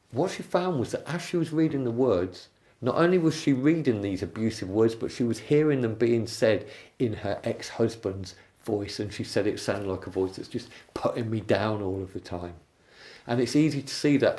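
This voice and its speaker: A man coaching, explaining a technique calmly with examples and stories. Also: medium pitch. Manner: calm, explanatory, uses anecdotes. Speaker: NLP coach. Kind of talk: instructional talk.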